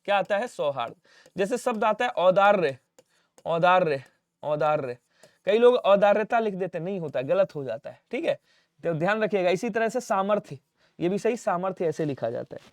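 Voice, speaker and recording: A male teacher, giving an exam-prep lesson. He drills students with quick questions and answers and repeats each spelling. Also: high voice, lively intonation, no room sound. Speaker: Hindi teacher.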